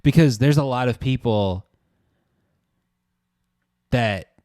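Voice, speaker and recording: A man's voice: medium pitch, slow, darkish tone, dry recording, clean studio sound. A young man co-hosting a podcast, chatting casually with slang and lots of "like" and "dude". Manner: casual slangy banter, says dude and like a lot. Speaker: podcast co-host. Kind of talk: casual chat.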